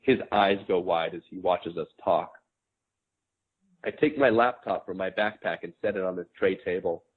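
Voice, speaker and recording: A man in his forties, an author, reading his memoir aloud in a measured, quiet, reflective way. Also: deep voice, husky, poor audio.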